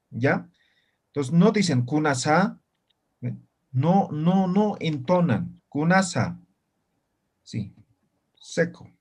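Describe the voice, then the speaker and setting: A man teaching an online language class, speaking slowly and patiently and often checking that students follow. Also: fairly high pitch, a little mellow. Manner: slow, patient, keeps checking students understand.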